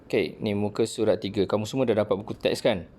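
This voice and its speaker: A man's voice: lowish voice, fast talker, a little mellow. Male teacher, friendly classroom tone. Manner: friendly, repeats "okey" often. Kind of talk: online primary-school lesson.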